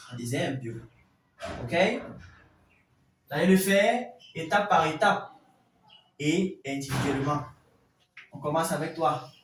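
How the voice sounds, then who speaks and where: Male teacher, slow and deliberate delivery, fairly high voice, roomy echo, faint background hiss. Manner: slow, deliberate, spelling out each step. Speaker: language teacher. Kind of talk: classroom instruction. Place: classroom. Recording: echoey room from a distance, faint hiss.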